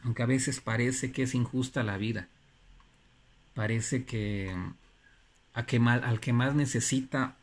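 A man giving an earnest, preachy motivational talk. He repeats phrases for emphasis and pauses between them. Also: medium pitch. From Mexico. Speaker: motivational speaker.

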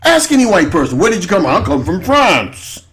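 Very animated, a bit bright, and a little quick, a male internet radio host gives an unscripted political monologue. His pitch sweeps as he repeats himself and keeps asking rhetorical questions ending in "right?".

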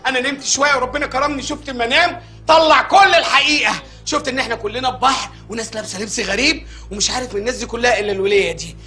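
High, bright Egyptian comic actor. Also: male voice, very fast, faint music behind. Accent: Egyptian Arabic. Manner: loud, exaggerated comic delivery. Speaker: comedian in sketches. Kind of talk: Egyptian comedy sketch acting.

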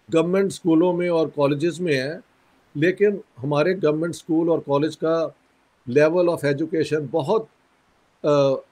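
A man from Pakistan, a guest in an interview, speaking in a measured, critical way with pauses and a sore throat. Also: fairly high pitch, a little mellow. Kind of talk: conversational interview.

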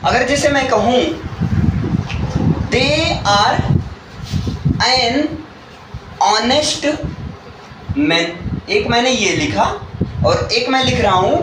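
Guy teaching grammar, really high voice, echoey room, mic far off. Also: background noise. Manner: asks the class questions and answers them himself. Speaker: English teacher. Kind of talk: classroom grammar lesson.

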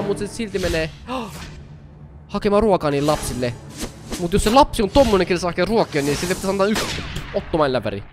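A young man hosting his channel, giving excited reaction commentary to animations, gasping often and talking straight at the screen. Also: sits high. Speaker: YouTuber host.

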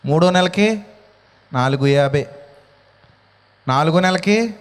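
A male pastor preaching a sermon in an animated way, full of rhetorical questions. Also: a little high, slow pace, clear, resonant tone, in a large hall.

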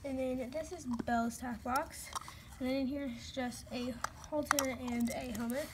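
This is a woman with a high, steady voice at normal speed, giving a chatty walkthrough of her toy horse barn and dropping to whispers now and then. The audio from her handheld phone, shot indoors in a carpeted room at home with her off camera, is very noisy.

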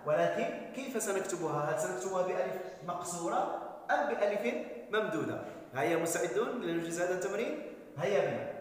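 High-voiced man teaching in an echoey classroom. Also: animated. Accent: Moroccan. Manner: slow, emphatic, drawn-out syllables, frequent praise. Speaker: primary school teacher. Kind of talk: dictation lesson for young pupils. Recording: very echoey classroom with long reverb.

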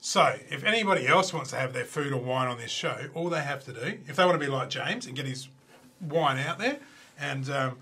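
A man's voice: mid-range voice, lively intonation, a little fast, bright, forceful tone, breathy edge. An Australian man hosting a casual wine show, chatting and joking with his guests. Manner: chatty, jokey banter. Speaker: show host. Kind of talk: casual chat.

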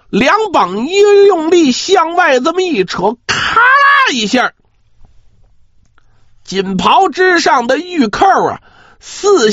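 The storyteller here is male, his pitch extremely high, delivering pingshu drama at a slow, lively pace. Rhetorical comments aimed at listeners and drawn-out particles mark his style, and the recording has a roomy, slightly dull quality.

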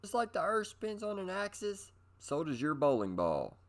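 Speaking directly to the audience, the middle-aged host of a bowling tutorial reads scripted instructions with upbeat, presenter-like energy. His voice sits high, swings hugely in pitch, and moves at a normal speed.

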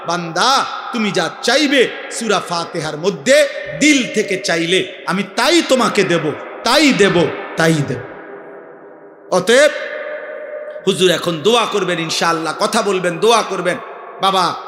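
Fiery male preacher from Bangladesh, high and piercing, shouted sermon, long reverb. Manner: fiery, declamatory, often shouting. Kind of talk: Bengali waz sermon. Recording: echoey hall with long reverb.

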